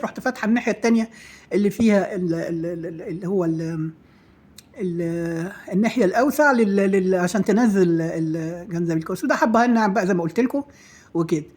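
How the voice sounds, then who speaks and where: Husky, quick-talking Egyptian woman cooking. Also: medium pitch, darkish tone. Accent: Egyptian Arabic. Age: middle-aged. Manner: chatty, self-praising and playful, trailing off with fillers. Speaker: home cook and channel host. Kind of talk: casual cooking chat to followers.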